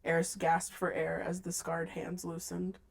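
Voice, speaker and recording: A woman's voice: fairly low pitch, level tone, measured pace, gravelly. A woman hosting a casual book-club chat, recapping scenes and reading passages aloud. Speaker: podcast host.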